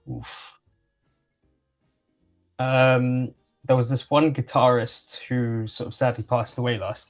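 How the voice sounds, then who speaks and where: A young man from England, a guest on a call-in interview, talking casually with many fillers and restarts. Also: medium pitch. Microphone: video call.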